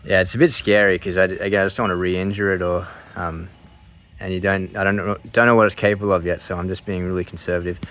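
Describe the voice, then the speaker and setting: A man's voice: low voice, level tone, quick pace, a bit bright. A man in his mid thirties chatting casually to his viewers, rambling and hesitant as he breaks into his own sentences. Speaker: vlogger sharing surgery recovery update.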